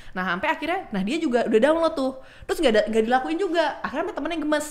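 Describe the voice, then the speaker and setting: This is a podcast guest: a woman in her twenties from Jakarta, judging by her accent, whose high-pitched, expressive voice races along. Her storytelling is chatty and full of slang, with the quotes acted out.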